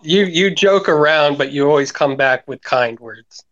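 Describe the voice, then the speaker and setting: A man's voice: a little high, normal speed, fairly bright tone, no echo. Earnest rambling man, dull lo-fi sound. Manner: earnest, rambling, many fillers like "like". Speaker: recovery podcast co-host. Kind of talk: casual sharing in group talk.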